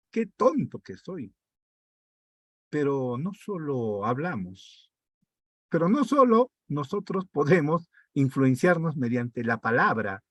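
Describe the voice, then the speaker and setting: Male teacher with a sore, husky throat; dry sound, slow unhurried pace. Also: mid-range voice, no room sound. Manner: reads text aloud, then breaks it down with rhetorical checks. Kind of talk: online reading comprehension class.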